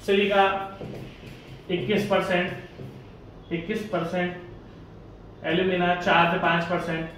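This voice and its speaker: A man's voice: high voice, little pitch movement, a little slow, long pauses, fairly bright tone. A man teaching a casual exam-prep lecture, chatty, asking and answering his own questions. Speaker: engineering exam tutor. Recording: echoey room from far off, faint hiss.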